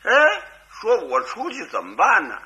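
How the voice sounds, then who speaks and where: A man's voice: high voice, huge pitch swings, measured pace, pushed and bright. A man performing a crosstalk comedy routine as lead storyteller, switching between his narration and character voices.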